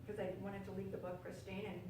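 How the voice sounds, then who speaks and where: A woman's voice: medium pitch, flat delivery, quick pace. Woman host rambling through questions, lots of ums, distant mic in a really echoey noisy studio. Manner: warm, rambling, many fillers. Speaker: show host. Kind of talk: interview questions. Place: studio with audience.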